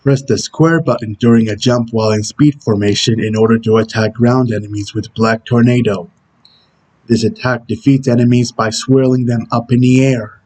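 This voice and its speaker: Husky, stern, brooding game antihero played by a man, medium pitch, delivering terse tutorial instructions. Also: fairly even intonation, normal speed, darkish tone, natural voice, low-quality recording. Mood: stern, instructional. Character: Shadow, brooding male video game antihero giving tutorial hints. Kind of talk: character impression reading game tutorial instructions.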